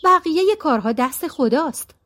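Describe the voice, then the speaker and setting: A woman voicing a kind, gentle old bearded man who teaches music, in a storybook reading, soft-spoken. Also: high-pitched, animated. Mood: kindly.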